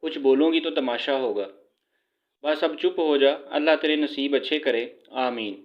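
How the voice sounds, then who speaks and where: A man's voice: medium pitch, lo-fi sound, natural voice. A man reading as a resigned, kindly mother. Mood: soothing. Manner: soothing, resigned.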